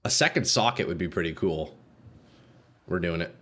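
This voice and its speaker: A man's voice: sits low, moderate pace, bright, forceful tone. Casual frat-bro guy live streaming a game. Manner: frat-bro slang, swearing, addressing viewers as boys, bro, dude.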